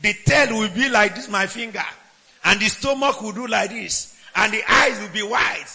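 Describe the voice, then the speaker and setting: Preacher guy, shouting then dropping low, high gravelly voice, bright and forceful. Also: moderate pace. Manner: dramatic, swings from shouts to low asides; asks the congregation questions, laughs between points. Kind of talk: sermon.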